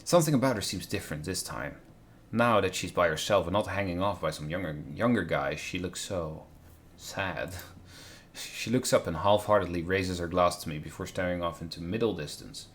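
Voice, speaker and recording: This deep-voiced man reads a visual novel at a moderate pace as a co-reader on a game stream. Wry comments on the script interrupt the reading, and faint noise sits under the live audio.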